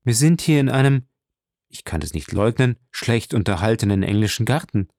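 A man's voice: lowish voice, expressive, moderate pace, a little mellow, no room sound, clean studio sound. A man voicing a commanding, mocking nobleman who orders his servant about. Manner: imperious, ironic.

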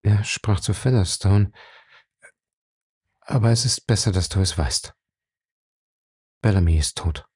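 A man reading a storybook voicing a frightened man who speaks low and hesitantly. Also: a little slow, pauses often, darkish tone, husky, no echo, studio quality. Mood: shaken. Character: frightened man trapped in a cellar.

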